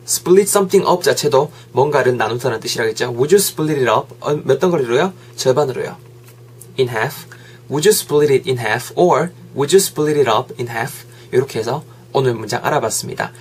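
Male English teacher, casual lesson; slow, stretched example phrases, frequent check-ins, slightly husky. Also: medium pitch. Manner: checks in with listeners often.

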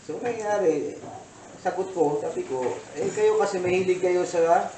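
A man's voice: high-pitched, measured pace, mellow, echoey room, far from the mic, slight background noise, rough recording. Filipino man chatting while he cooks. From Philippines. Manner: rambling storytelling with many fillers. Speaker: cooking vlogger. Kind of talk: casual cooking chat. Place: kitchen.

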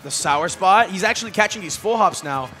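A man doing excited live esports commentary, swearing freely and breaking into loud outbursts at big plays. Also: high-pitched, a little fast, faint music behind.

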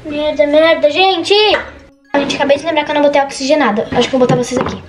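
A woman's voice: high voice, steady tone, fast, distant mic, music in the background. A teenage girl vlogging from her bedroom at home. She chats nervously and keeps saying "gente" to her viewers. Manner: nervous, chatty, says "gente" constantly. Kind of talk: casual vlog chat. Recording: echoey room with background noise. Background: household noise.

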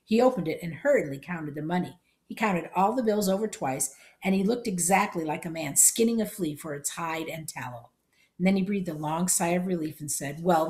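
A woman reading a storybook chapter aloud in plain, steady narration. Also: fairly low pitch.

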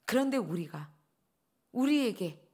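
A middle-aged woman pastor preaching a dawn service sermon, acting out prayers and the dialogue of her stories with lively feeling. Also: fairly high pitch, unhurried, slightly rough.

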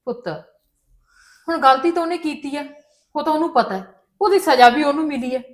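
A woman's voice: high-pitched, brisk, natural voice. A woman playing a mother who soothes and coaxes her upset daughter in a family drama. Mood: reassuring. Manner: soothing, coaxing, repeatedly calling her child. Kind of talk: Punjabi family drama dialogue.

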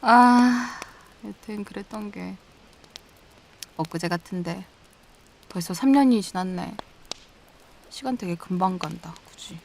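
A woman in a whispered role-play as an affectionate girlfriend, teasing and giggling softly. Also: mid-range voice, takes it slowly, gravelly, long pauses, a little hiss or hum. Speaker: ASMR role-play performer.

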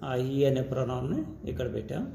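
A man's voice: medium pitch, lively intonation, fast talker, vocal fry, dark tone, roomy sound. A man with a Telugu accent teaching English grammar step by step, checking in with his students as he goes. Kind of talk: classroom-style grammar lesson.

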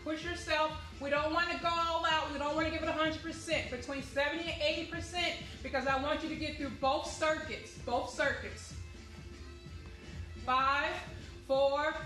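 Her voice sits high and fairly bright, with fairly even intonation, a fairly quick pace and hardly any pauses as this young woman runs an aerobics class with short cues and counts. The medium-sized indoor room with its hard floor sounds roomy, faint music plays behind her, and the recording from a camera or phone a few steps away is rough.

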